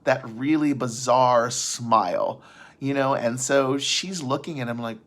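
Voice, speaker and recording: For his vlog audience, a man casually recaps a film's plot, rambling, restarting sentences and tossing in asides. His voice sits in the mid-range and moves a little slowly.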